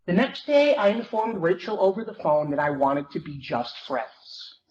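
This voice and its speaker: A performer with a mid-range, slightly mellow voice gives a very animated, lightly acted dramatic reading of a first-person novel at a moderate pace. He voices an awkward teenage boy narrating his comic confession with wry, rueful self-deprecation. The recording is muffled, noisy, and echoey.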